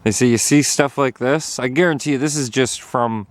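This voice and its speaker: A man's voice: mid-range voice, moderate pace, dry recording. A man narrating a casual hiking vlog outdoors on a snowy trail, chatty and at times out of breath. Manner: chatty, talking while hiking, sometimes out of breath. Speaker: vlogger.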